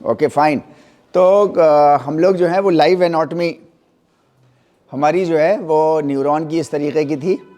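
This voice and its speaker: Male lecturer, middle-aged, slow and a bit high-voiced, drills pronunciation. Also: dark tone. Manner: mixes Hindi and English, spells terms letter by letter; stresses pronunciation, asks checking questions. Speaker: anatomy teacher. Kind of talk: classroom lecture.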